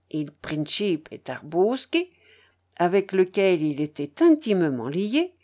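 A woman reading a classic novel aloud as narrator, with expressive, dramatic storytelling. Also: medium pitch. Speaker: audiobook narrator.

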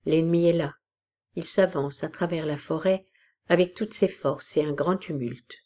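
A woman's voice: sits low, fairly even intonation, normal speed, mellow, lightly acted. A woman voicing an agitated young male soldier bringing urgent news. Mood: alarmed.

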